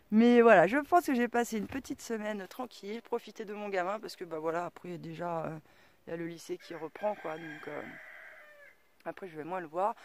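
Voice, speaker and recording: A middle-aged woman with a strong regional French accent talks straight to her viewers in a slangy, rambling monologue. She piles up fillers and restarts, her pitch sitting in a middling range. The sound is dry and close, with no room echo. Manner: rambling, lots of fillers like "quoi" and "euh", slangy. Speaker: vlogger. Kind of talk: casual vlog monologue.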